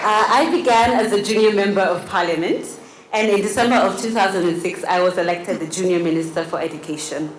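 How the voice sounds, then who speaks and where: At a gala dinner in a large banquet hall, an eighteen-year-old Kenyan student whose first language is Kiswahili gives an earnest prepared speech, often filling pauses with "uh." Her medium-pitched voice moves a little fast, and the recording is reverberant and very noisy.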